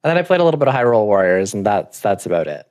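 Low-key man in gaming chat. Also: sing-song, racing, a little mellow. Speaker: podcast co-host.

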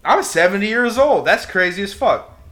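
A man with a bright, forceful voice rambles through a casual podcast chat, swearing freely. He riffs and circles back on his points, loose and animated. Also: high-pitched, moderate pace.

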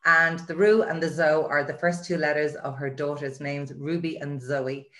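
A woman's voice: low voice, fairly even intonation, normal speed, fairly bright tone. A woman with an Irish accent hosting an interview in an effusive, encouraging way. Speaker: show host, mindset coach.

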